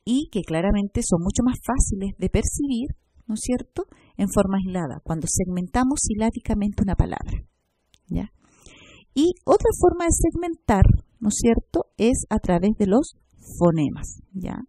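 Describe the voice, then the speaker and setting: A woman giving a recorded lecture over slides, often checking in with a quick tag question. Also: medium pitch, animated, dark tone, husky, dry recording. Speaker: teacher.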